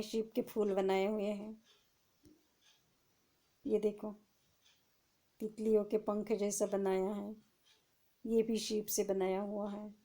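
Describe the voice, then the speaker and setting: A woman teaching an online class, reading sentences aloud slowly and explaining them, often asking and then answering her own questions. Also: medium pitch, warm tone.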